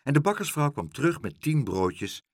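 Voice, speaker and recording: A man reading a children's book aloud, animated, switching into character voices. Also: on the high side, moderate pace, no echo, studio quality. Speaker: storyteller.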